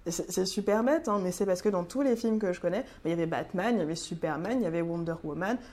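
A woman shares something personal in an interview, with clear enthusiasm. Her voice sits fairly low. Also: quick pace, a little mellow. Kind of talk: candid interview testimony.

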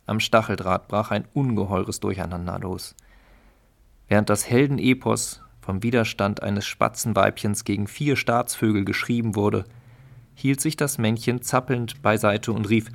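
A man's voice: fairly low pitch, fairly even intonation, normal speed, gravelly. A man narrating a story in a dry, wry reading style. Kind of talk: audiobook reading.

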